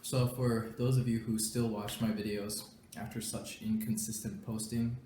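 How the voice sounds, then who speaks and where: A man's voice: on the low side, little pitch movement, moderate pace, warm tone, soft background music. A young man chatting casually to viewers while eating, talking with his mouth full between bites. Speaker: vlogger. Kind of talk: casual mukbang chat. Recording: roomy echo, faint background hiss.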